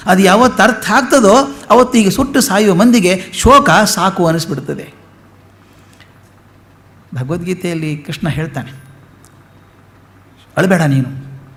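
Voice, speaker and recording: A man giving a lecture on poetry, reciting verses slowly and then explaining them in quick conversational asides. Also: high voice.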